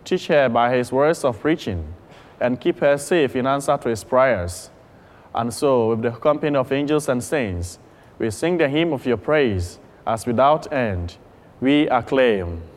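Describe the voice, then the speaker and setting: A man's voice: medium pitch, expressive, unhurried. A man, a priest, solemnly intoning the prayers of the Mass with a cathedral echo. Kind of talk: liturgical prayer. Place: large church. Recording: long echoing church reverb.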